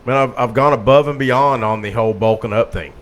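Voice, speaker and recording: A middle-aged man, co-hosting a relaxed podcast. He rambles in an easygoing way and jokes about himself. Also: mid-range voice, fairly quick. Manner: laid-back, joking, calls himself a redneck. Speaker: podcast co-host. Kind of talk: casual chat.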